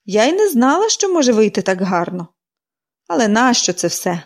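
A woman's voice: a little high, big pitch swings, moderate pace. Brief: cranky sick older woman, complaining tone, voiced by a female reader. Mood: grumbling. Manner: peevish, grumbling. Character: irritable bedridden older woman.

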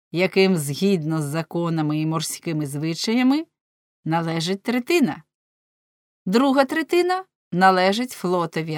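A woman voicing a stern older male fleet admiral in an audiobook, speaking in a commanding, formal way, raised and loud. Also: on the low side, no room sound, studio quality.

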